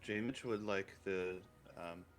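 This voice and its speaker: A man playing a tabletop game, chatting casually in halting, hesitant phrases. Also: low-pitched.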